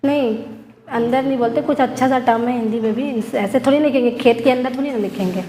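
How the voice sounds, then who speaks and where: A woman teaching a class, explaining step by step and checking often that her students follow, dictating some lines slowly. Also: on the high side, mellow, reverberant, in a large hall, a little hiss or hum. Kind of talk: classroom lecture.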